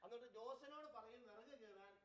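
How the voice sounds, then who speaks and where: High-voiced man telling a sermon story. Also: a little fast. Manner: lively storyteller who quizzes the audience. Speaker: preacher. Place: church gathering.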